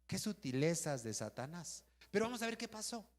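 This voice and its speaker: A Mexican-accented male pastor delivers a lively sermon and keeps turning to the congregation with questions. His voice sits on the higher side for a man. The sound carries a long reverb, as in a church sanctuary. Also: brisk.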